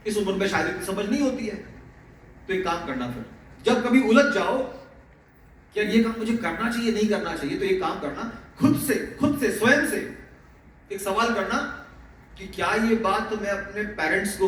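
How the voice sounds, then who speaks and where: A man's voice: sits high, lively intonation, moderate pace, fairly bright tone. A male teacher giving a motivational talk to students in a fatherly way, laughing often. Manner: fatherly, calls listeners "beta", often laughing. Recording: very echoey, distant mic, faint noise.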